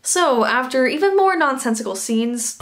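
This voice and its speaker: A woman's voice: sits high, expressive, normal speed, over music. Sarcastic young woman ranting reviewer. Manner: sarcastic, laughs between lines. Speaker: YouTube movie reviewer. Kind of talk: comedic review rant.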